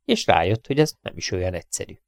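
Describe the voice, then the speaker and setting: A man's voice: sits low, vocal fry, no echo, studio quality. A man reading a novel aloud as audiobook narration. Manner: steady storytelling reading. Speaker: audiobook reader.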